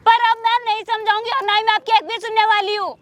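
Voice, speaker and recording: A woman's voice: very high-pitched, little pitch movement, quick pace. A young actress playing a newly married woman who pleads to be left alone, in a short-film drama. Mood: pleading. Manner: pleading, protesting.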